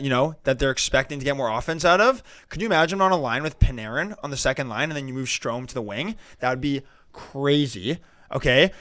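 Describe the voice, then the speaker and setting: Animated, smooth-voiced podcast man. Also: fairly high pitch. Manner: animated, jokey, breaks into loud movie-quote impressions. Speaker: podcast co-host. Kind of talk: casual chat.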